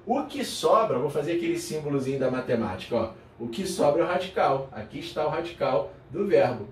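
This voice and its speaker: A man's voice: on the high side, a little mellow, far from the mic. A man with a Brazilian Portuguese accent gives a grammar lesson, calling the viewer his student and checking in often. His mid-range voice sits back from the microphone in an echoey room. A faint hum of room noise runs underneath. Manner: addresses viewer as "meu aluno", checks in with "tá legal?"; repeats key terms slowly for emphasis.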